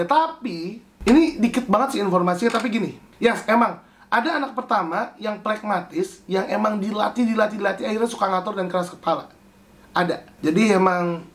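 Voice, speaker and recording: A young man with a high voice hosts a casual chat and answers viewer questions. His pitch leaps up whenever he reads a question aloud. His delivery stays animated and loose. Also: a little hiss or hum.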